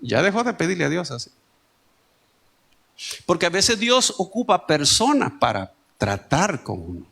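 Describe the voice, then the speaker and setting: A man's voice: high voice, very animated, unhurried, creaky, pauses often, a bit bright, slightly rough. A male pastor with a Salvadoran Spanish accent, preaching a sermon in a conversational way with homely stories and asides. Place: church.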